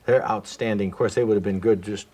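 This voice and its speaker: A man's voice: lowish voice, fairly even intonation, fast, mellow. A man hosting an outdoors television show, chatting in an enthusiastic, exclamatory, folksy way. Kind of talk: folksy on-air chat. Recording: 1980s TV broadcast audio.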